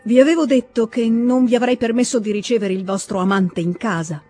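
A reader voicing a stern, cold aristocratic husband, with a shrill, curt and contemptuous manner, in an audiobook reading. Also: fairly even intonation, brisk, warm tone, faint music behind, lightly acted.

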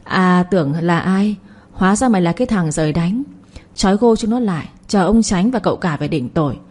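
A woman voicing a harsh, domineering older mother-in-law who shouts insults at her household. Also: fairly low pitch, expressive, fairly quick. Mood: furious.

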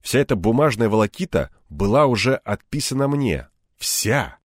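A man's voice: medium pitch, big pitch swings, normal speed, no room sound, studio quality. A man narrating an audiobook in the first person, in a wry, conversational storytelling manner.

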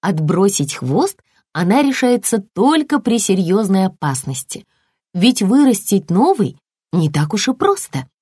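A woman reading a children's audiobook aloud in an expressive storytelling manner, close to the mic. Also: mid-range voice, a little slow, slightly rough, no echo. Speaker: audiobook reader.

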